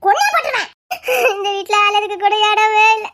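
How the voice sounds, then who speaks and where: A woman acting a teary, sharp-tongued young woman in a comic romance drama, scolding and sulking in a Tamil accent. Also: very high-pitched, brisk. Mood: snappy. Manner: scolding, sulky, flaring into threats.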